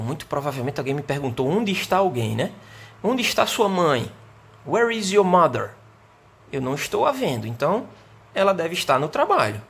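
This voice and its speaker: A man's voice: on the high side, fairly bright tone, slight background noise. Brazilian man teaching a remote English lesson. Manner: explanatory, slows down to model example sentences.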